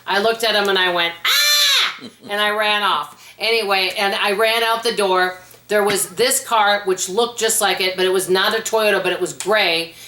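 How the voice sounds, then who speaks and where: A woman's voice: mid-range voice, normal speed, a little hiss or hum. Chatty woman in an echoey room. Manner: chatty, animated storyteller. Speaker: YouTuber answering viewer questions. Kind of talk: casual question-and-answer vlog. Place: at home. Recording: roomy echo.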